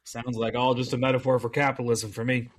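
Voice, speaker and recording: A man's voice: mid-range voice, flat delivery, fast talker, a little hiss or hum. A man co-hosting a podcast, chatting casually and enthusiastically with lots of fillers and asides. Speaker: podcast co-host.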